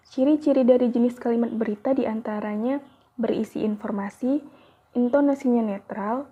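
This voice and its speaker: A woman's voice: on the high side, husky. A young woman, a university student, reads a grammar lesson aloud carefully, with small slips. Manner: careful, evenly paced reading with small slips. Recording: tinny phone-like audio.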